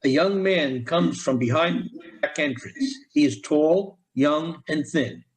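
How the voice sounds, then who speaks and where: A man reading the stage directions aloud in an amateur play, with a plain, even delivery. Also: on the high side, slow, poor audio. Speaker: narrator.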